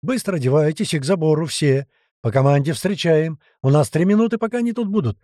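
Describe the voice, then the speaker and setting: A man voicing a brisk, bossy male squad leader who gives hurried, scolding orders. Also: a little high, expressive, warm tone, dry recording, clean studio sound, natural voice. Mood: urgent commanding.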